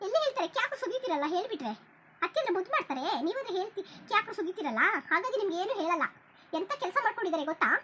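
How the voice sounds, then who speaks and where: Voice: very high-pitched, sing-song, very fast, background noise. A cartoon voice of a young village daughter-in-law, pleading and repeating herself. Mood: tattling. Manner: pleading, repetitive.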